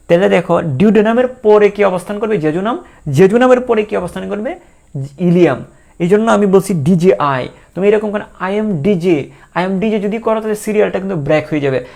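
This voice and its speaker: A man with a strongly gravelly voice gives a biology lesson to students. He drills terms by repeating them, asks questions and answers them himself, and voices the questions students might ask. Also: sits high, darkish tone. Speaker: teacher. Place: recorded for an online lecture.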